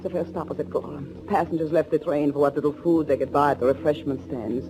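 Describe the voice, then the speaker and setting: On a noisy old 1940s radio recording, an actress plays Anna, a frightened young woman on the run, tensely recounting her ordeal in dramatic thriller style. Her deep, steady voice moves fast and sounds close to everyday speech, with a breathless, suspenseful delivery.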